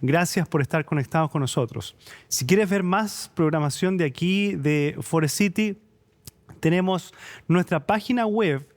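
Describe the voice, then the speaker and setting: A Chilean man hosting a church talk show, reading scripture and greeting viewers before chatting with his guest. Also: fairly high pitch. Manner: warm friendly interviewer, reads scripture and greetings. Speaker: church program host. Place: church studio.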